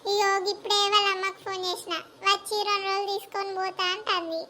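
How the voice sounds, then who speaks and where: A woman with a Telangana accent playing a scheming village mother-in-law who complains loudly. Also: very high-pitched, level tone, fast, slight background noise. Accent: Telangana Telugu. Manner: loud, scolding and complaining. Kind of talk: village comedy skit acting.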